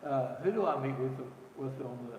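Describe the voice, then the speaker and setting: A man's voice: mid-range voice, expressive, muffled recording, a little hiss or hum. Hesitant man in an echoey hall. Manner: hesitant, polite, halting restarts. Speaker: board member. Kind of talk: raising a question at a board meeting. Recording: echoey room with long reverb.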